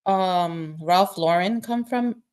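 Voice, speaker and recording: A woman's voice: on the low side, slow, darkish tone, smooth. A woman from New York, a guest chiming in with short, friendly remarks during a casual interview.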